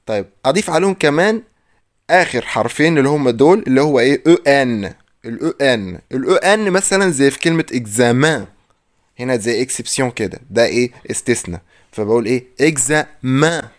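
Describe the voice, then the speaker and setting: A man with an Egyptian Arabic accent teaching French pronunciation, drawing words out slowly and quizzing the listener. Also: mid-range voice. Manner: drills words slowly, asks the listener questions. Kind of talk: pronunciation lesson.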